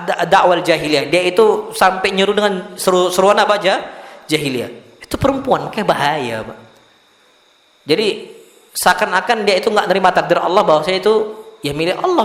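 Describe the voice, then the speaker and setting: A man preaching a sermon in a mosque, talking animatedly and swinging between hushed asides and loud exclamations. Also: high-pitched. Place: mosque hall. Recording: echoey mosque hall.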